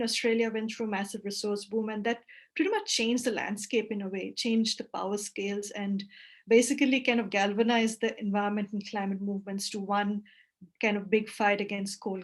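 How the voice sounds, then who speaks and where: A woman in her forties from West Bengal in India, giving an online workshop talk over a video call, thoughtful and full of fillers and self-corrections. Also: mid-range voice. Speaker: workshop presenter.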